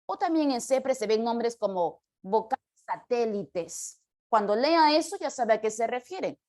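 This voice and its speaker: A woman teaching a grammar class, explaining step by step and asking the students questions. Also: a little high. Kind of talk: classroom lecture.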